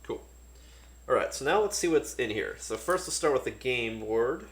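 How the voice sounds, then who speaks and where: A man casually talking through a board game unboxing, relaxed and thinking aloud with many fillers. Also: mid-range voice, moderate pace, reverberant.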